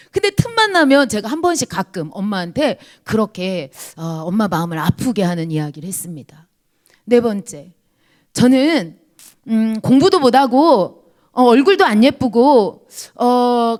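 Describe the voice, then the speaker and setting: A woman gives an earnest church testimony in a high voice that rises and falls widely. She tells her story in a confessional way, addresses the congregation directly and sometimes sinks into a near-whisper. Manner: earnest confessional storytelling, dropping to a hushed whisper at low points. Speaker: pastor's wife giving testimony.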